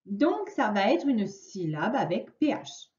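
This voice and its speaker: A woman teacher giving a slow, clearly spoken lesson to children, stretching out each word. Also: medium pitch, big pitch swings, darkish tone. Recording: echoey room, dull lo-fi sound.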